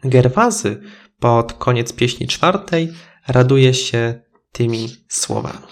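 A male history podcast host reads his script at an unhurried pace. His pitch sits in the ordinary middle range, and he keeps a measured, literary tone as he explains. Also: lively intonation.

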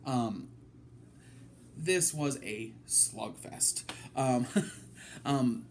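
A man hosting a casual wrestling review from his apartment, talking it through in a halting way with many ums. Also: medium pitch, slight background noise. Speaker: wrestling podcast host.

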